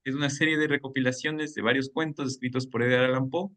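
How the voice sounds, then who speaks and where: A man's voice: medium pitch, steady tone, fast, fairly bright tone. Chuckling man moderating a book club call. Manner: friendly, chuckling, explains at length. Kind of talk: casual online meeting.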